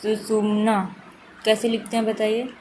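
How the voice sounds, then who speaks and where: A woman's voice: on the high side, normal speed, slight background noise, rough recording. A woman teacher going through exam questions one by one, repeating each correct form to stress it. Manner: steady explanatory, repeats correct forms for emphasis. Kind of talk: exam question walkthrough lesson.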